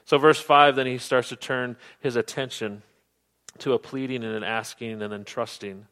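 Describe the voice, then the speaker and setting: Earnest male pastor preaching softly. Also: medium pitch, steady tone, normal speed, smooth. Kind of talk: sermon.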